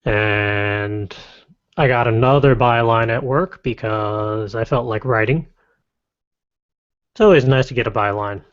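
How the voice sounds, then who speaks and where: A man hosting a casual podcast, reading lists briskly and adding wry, playful asides. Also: mid-range voice, clear, resonant tone. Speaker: podcast host. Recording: dull lo-fi dry podcast audio.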